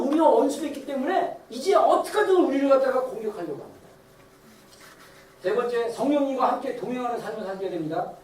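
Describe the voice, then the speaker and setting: A pastor giving a Sunday sermon in a church sanctuary, telling stories with animated acted-out voices and frequent laughter. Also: mid-range voice, a little hiss or hum. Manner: animated, acts out quoted voices; laughs while preaching. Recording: roomy echo, distant mic, faint ambience.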